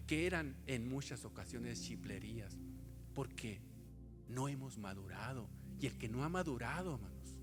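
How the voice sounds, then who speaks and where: A man preaching a sermon as pastor, swinging from low, soft lines to high, strained pleading. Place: church sanctuary.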